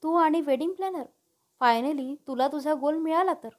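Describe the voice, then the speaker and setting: A woman's voice: high-pitched, normal speed, close to an everyday voice. A woman voicing a composed, polite young woman in a storybook reading. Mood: measured.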